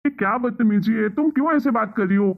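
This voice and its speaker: Cartoon role: a man voicing a pleading, reproachful husband with a gravelly voice, heard through tinny phone-like sound. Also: high-pitched, fast talker. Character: patient husband pleading for his mother. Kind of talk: cartoon story voice acting.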